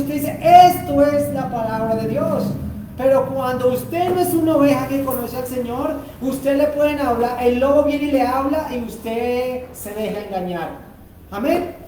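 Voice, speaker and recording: A woman preacher delivers a slow, deliberate sermon, turning to the congregation with frequent questions. Her voice sits high but has a mellow, dark tone. The recording comes from a strongly echoing church hall. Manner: addresses congregation directly with questions. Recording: very echoey church hall with faint noise.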